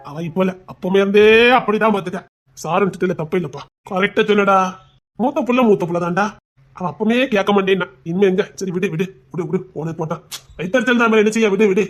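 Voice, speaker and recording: A woman's voice: medium pitch, fast talker. A woman playing a husband who coaxes and placates his wife in a family comedy skit. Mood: placating.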